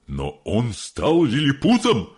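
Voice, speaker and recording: A man voicing a gruff, irritable middle-aged father who barks his lines sharply. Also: lowish voice, sing-song, moderate pace. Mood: anxious. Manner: sharp, barking.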